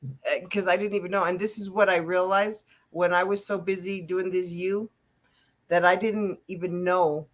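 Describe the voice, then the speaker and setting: A woman hosting a casual interview, talking in an emotional, expressive way and laughing easily. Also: fairly low pitch, moderate pace. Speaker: host.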